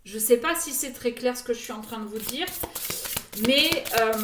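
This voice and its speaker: A woman's voice: a little high, echoey room, very noisy. A woman giving an oracle card reading to her viewers in a casual, hesitant way, full of fillers and restarts.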